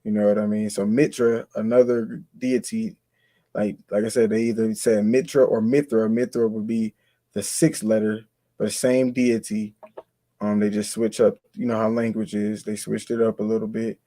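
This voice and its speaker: A man's voice: fairly low pitch, level tone, normal speed, mellow, dry recording. A man, explaining ideas in a loose, conversational way as co-host of a spiritual talk. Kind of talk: casual spiritual discussion.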